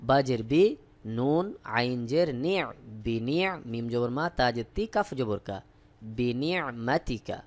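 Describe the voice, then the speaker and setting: A Bangladeshi-accented man whose first language is Bengali teaches Arabic recitation. He slowly spells out every syllable, then repeats the joined word. His voice is mid-range and expressive.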